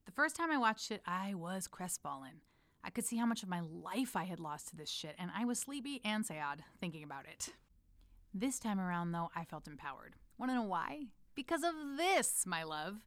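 A woman's voice: medium pitch, sing-song, moderate pace, no room sound. A woman from the United States reading her personal letter aloud, intimate and playful, calling the listener her love. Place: lives in Amsterdam.

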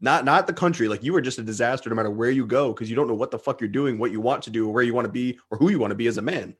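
A man hosting a podcast, talking in a blunt, profane and animated way during a casual conversation. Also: mid-range voice, rapid-fire, husky. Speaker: podcast host.

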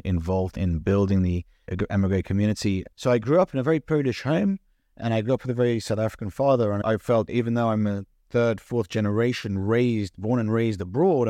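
A man's voice: fairly low pitch, mellow, no room sound, clean studio sound. A man, a podcast guest speaking earnestly and fluently, often restarting his words. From United Kingdom. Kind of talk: podcast interview.

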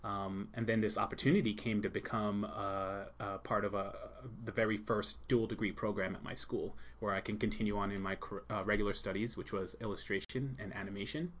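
This Jamaican-born school leader and art teacher has a fairly low voice with no strong accent. In a relaxed podcast interview he talks softly and thoughtfully, pausing often and filling gaps with ums as he hunts for words.

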